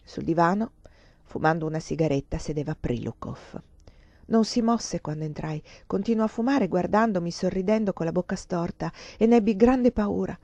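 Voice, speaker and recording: A woman's voice: on the low side, normal speed, mellow, no echo. Woman reading a novel aloud, muffled sound. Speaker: reader. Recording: dull lo-fi dry recording.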